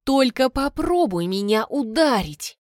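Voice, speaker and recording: A young woman reading an audiobook, voicing a defiant heroine who clips her words in a crisp, mocking way. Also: a little high, very animated, normal speed, no echo, studio quality, pitched above the performer's own voice. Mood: indignant.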